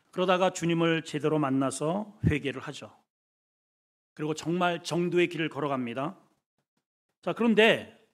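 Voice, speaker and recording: A middle-aged man preaches a sermon as the pastor of a church. His voice sits high for a man and swings widely up and down. He acts out the dialogue and voices in his stories as he goes.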